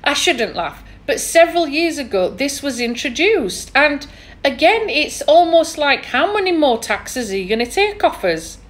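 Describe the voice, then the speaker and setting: A woman's voice: high voice, big pitch swings, normal speed. A woman with a thick Yorkshire accent, hosting a casual interview in a chatty, opinionated, emphatic way. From England. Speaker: podcast host.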